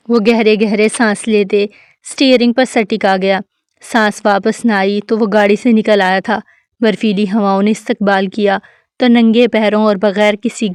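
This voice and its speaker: A woman narrating a dramatic novel in a steady, even reading voice. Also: mid-range voice, clean tone, no echo, studio quality. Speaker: novel reader. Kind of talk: scripted narration of a romance novel.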